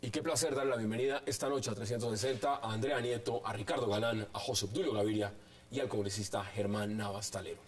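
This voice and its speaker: A man hosting a televised debate, introducing guests and putting brisk, pointed questions to them. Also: lowish voice, steady tone. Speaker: TV host and moderator. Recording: voice a bit far from the mic.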